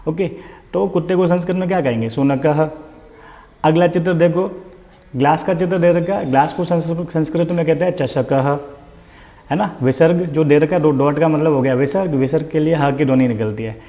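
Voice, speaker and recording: Man, online Sanskrit teacher, mellow, slightly high voice, patient and repetitive. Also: brisk. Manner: patient, repetitive, quizzing the listener. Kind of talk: online vocabulary lesson.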